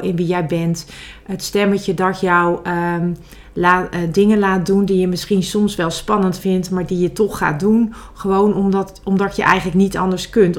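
A woman hosting her own podcast, talking casually and reflectively, with many fillers and restarts. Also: medium pitch. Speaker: podcast host. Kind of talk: casual solo podcast talk.

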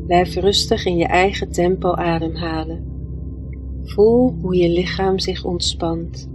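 Slow, soothing woman guiding a meditation. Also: lowish voice, steady tone, poor audio. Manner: soft, soothing, gentle delivery with long pauses. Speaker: guided meditation leader. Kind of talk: guided meditation narration. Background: music.

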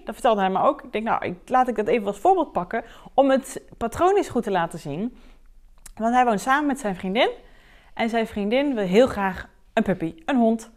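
In a podcast monologue, a woman coach with a medium-pitched voice addresses the listener frankly and directly. She's animated, quoting and acting out both what her client said and what she said herself.

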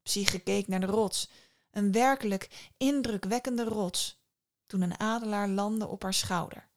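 A woman tells an old myth in scripted narration, dropping in dry, wry asides. Her voice sits at a middle height with a light gravelly texture. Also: medium pitch, a little slow. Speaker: storyteller.

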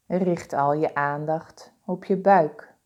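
A woman with a low voice directs a guided body-scan meditation, pausing as she goes. Her instructions come across as soothing, calm and carefully deliberate.

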